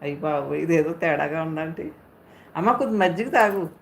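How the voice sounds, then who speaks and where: A woman's voice: low voice, expressive, moderate pace, gravelly. A woman hosting a live stream, chatting casually and teasing viewers as she reads their comments aloud. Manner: playful, teasing, talks straight to viewers. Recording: echoey room, faint background hum.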